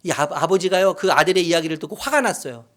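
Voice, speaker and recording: A middle-aged man preaching a sermon as pastor, swinging from loud, animated outbursts to hushed whispers. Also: fairly high pitch, quick pace. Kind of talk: sermon with acted quotes. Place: church sanctuary.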